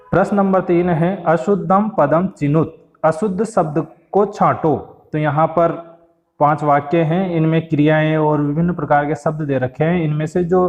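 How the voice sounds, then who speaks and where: A man's voice: fairly high pitch, darkish tone, long reverb tail, highs cut off. A male teacher giving a recorded class lesson. He reads each word aloud, then explains it plainly.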